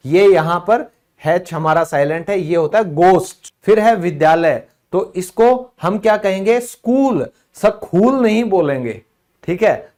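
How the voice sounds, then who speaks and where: High-voiced man teaching English pronunciation. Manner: explains with many rhetorical questions, repeats words for pronunciation. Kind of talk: spoken English lesson.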